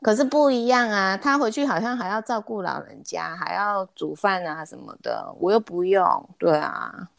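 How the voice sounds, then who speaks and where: Taiwanese accent lady just chatting, bit teasing, croaky voice, really dry close sound. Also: medium pitch, animated, moderate pace, few pauses, no echo. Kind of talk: casual chat.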